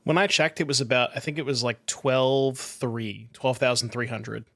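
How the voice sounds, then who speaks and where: A man from Connecticut co-hosting a podcast, chatting casually and working through ideas with quick restarts. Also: medium pitch, fairly even intonation, a bit bright, no room sound, studio quality. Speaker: podcast co-host. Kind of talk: casual chat.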